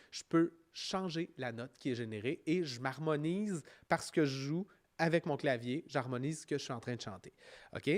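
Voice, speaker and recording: A man with a Quebec French accent narrating an informal software tutorial, explaining step by step in a conversational way. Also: fairly high pitch. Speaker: music software instructor.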